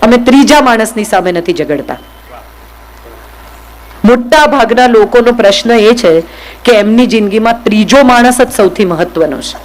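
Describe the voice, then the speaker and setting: A woman's voice: fairly high pitch, animated, normal speed, pauses often, a little hiss or hum, low-quality recording. Woman giving a motivational talk. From Gujarat, India. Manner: direct, questioning the audience, folksy examples. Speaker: motivational speaker. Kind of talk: public motivational speech to an audience.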